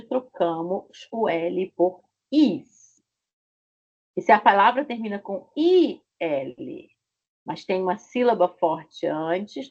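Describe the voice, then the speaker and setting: A woman teaches an online Portuguese lesson, taking her time and speaking at a mid pitch for a woman. She repeats each example patiently. The video call audio comes through muffled and lo-fi. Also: a little mellow.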